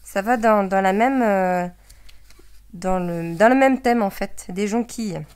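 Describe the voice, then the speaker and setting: A woman's voice: mid-range voice, measured pace, darkish tone, clear, resonant tone. Woman, craft product demonstrator, casual and hesitant, lots of fillers, addresses viewers directly. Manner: hesitant, many filler sounds and restarts.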